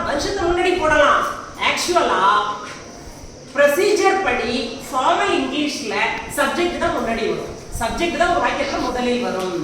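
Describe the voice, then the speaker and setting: Her voice is high-pitched and a bit bright as she teaches English grammar to a class with a Tamil accent. She blends Tamil with English in her explanations and frequently checks that the students understand. The recording has heavy echo, faint background noise, and a distant mic.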